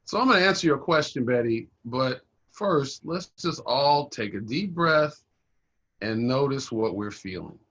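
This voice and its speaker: A man playing a facilitator who leads a group talk with calm, encouraging questions in a video-call play. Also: mid-range voice, measured pace, breathy edge, lo-fi sound. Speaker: workshop facilitator on race.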